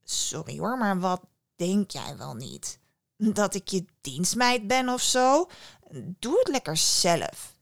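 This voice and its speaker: Bratty fairy-tale girl , played by a woman, low, sulky and cheeky, dry close sound. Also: very animated, slow, gravelly, no room sound, exaggerated voice. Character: lazy, rude spoiled girl.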